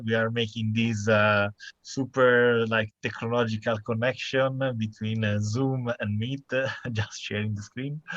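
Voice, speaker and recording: A man hosting an online panel, speaking haltingly with many fillers and restarts. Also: mid-range voice, fairly bright tone, no echo. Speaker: webinar host. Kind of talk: hesitant online panel moderation. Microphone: video call. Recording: dull lo-fi video call audio.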